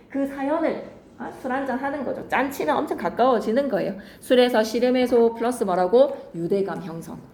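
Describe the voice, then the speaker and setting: A woman teaching a poetry lesson to students, lively, switching between polite and casual speech and acting out lines dramatically. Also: on the high side, roomy sound, a little hiss or hum. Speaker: Korean literature teacher. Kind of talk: classroom lecture on poetry.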